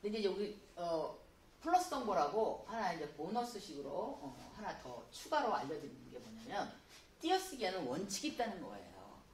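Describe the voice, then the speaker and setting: A woman teaching a spelling class, explaining patiently and reading example phrases slowly. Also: fairly low pitch, big pitch swings, slight background noise. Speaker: Korean spelling instructor. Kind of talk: classroom lecture. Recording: echoey room, voice from a distance.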